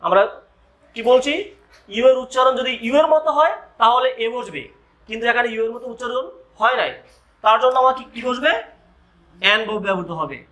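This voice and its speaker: A man teaches a grammar lesson in a high voice with a bright edge. He moves slowly and deliberately, spelling out letters one by one. He keeps asking his students rhetorical questions as he explains. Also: expressive. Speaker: school English teacher.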